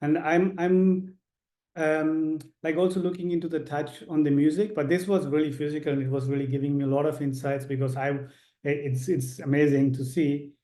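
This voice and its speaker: A man's voice: a little high, level tone, normal speed, dark tone, reverberant. A man from Sri Lanka, a course participant, sharing his thoughts on a video call in a rambling way, with many fillers.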